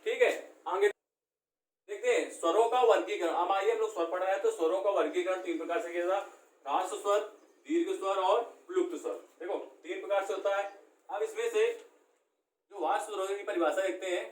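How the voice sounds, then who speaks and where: A man teaches a classroom lesson in a high, brisk voice, asking questions and then answering them himself. The recording sounds echoey and was made far from the mic.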